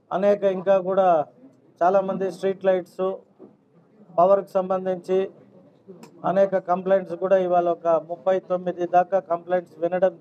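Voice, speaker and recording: A man's voice: high voice, clean tone, muffled recording. A man with an Andhra Telugu accent speaking formally and reassuringly as an official answering public complaints, dropping in English words. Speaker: elected official taking public calls. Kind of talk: phone-in replies and public address. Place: municipal office.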